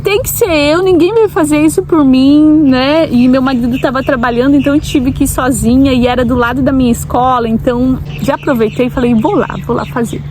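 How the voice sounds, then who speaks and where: A woman's voice: high voice, a little fast, hardly any pauses, a little mellow. A young woman from Brazil, vlogging in casual talk to the camera and often asking viewers questions. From Brazil, Santa Catarina. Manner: chatty, asks viewers directly, frequent tag questions. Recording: noticeable background noise.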